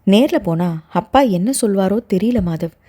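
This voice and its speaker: A woman's voice: mid-range voice, normal speed, warm tone, lightly acted. A woman voicing an anxious young woman in love, who talks in a hesitant, pleading way.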